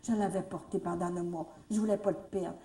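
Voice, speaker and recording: A frail, devout old lady, voiced by a Canadian French woman, speaks softly and plaintively in a low, hushed tone. Her voice sounds distant, with a roomy echo around it. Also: steady tone, brisk, natural voice. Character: frail elderly woman, soft-spoken and devout. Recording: echoey room, mic far off.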